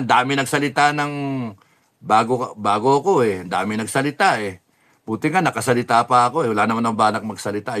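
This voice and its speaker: A man telling a casual anecdote. He is animated and laughs often, sometimes drops to a low, soft mumble, and acts out the voices of people he quotes. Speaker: storyteller recounting a rally.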